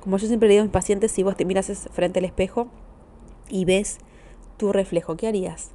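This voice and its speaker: A mellow-voiced woman with an Argentine accent hosts a self-help podcast. She speaks as a therapist in a gentle, encouraging monologue aimed straight at the listener. Her tone is soft and dark rather than bright. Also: mid-range voice, fairly even intonation, fairly quick.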